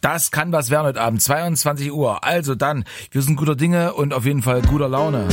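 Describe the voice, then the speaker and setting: A man's voice: on the high side, a little fast, soft background music. Upbeat male radio morning host. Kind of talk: radio morning show presenting.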